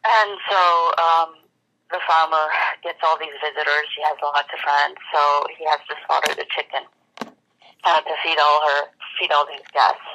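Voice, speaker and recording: Reflective religious speaker with a bright, crisp tone; loose, rambling teaching delivery. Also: medium pitch, fairly even intonation, normal speed, a little hiss or hum, low-quality recording. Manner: rambling, many fillers and restarts. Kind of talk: spiritual talk with a told fable.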